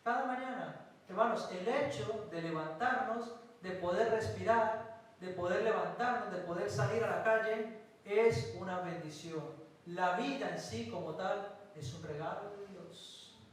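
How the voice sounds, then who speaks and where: A man from Colombia, a pastor, preaching a sermon with emphatic pauses and rhetorical questions. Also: sits high. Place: church hall. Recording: very echoey hall from a distance.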